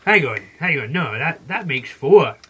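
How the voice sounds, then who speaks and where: A man playing a grumpy male pirate in a comedy audio drama, gruff and slow, with some swearing. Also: fairly high pitch, very animated, a loud crowd. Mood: chatty.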